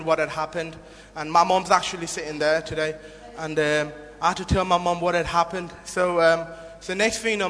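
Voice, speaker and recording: A young man from Nepal shares his testimony in a church hall, speaking earnestly and haltingly, full of ums and restarts. His voice sits a little high, and his words ring out with long reverb across the room. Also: bright, forceful tone. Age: 20s. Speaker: guest giving a testimony.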